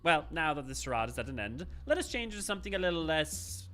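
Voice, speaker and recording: A man voicing a haughty, twee villain ringleader with slow, theatrical menace and scorn, in a video game read-aloud. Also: a little high, very animated, fairly bright tone, voice pushed up. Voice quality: twee, affected.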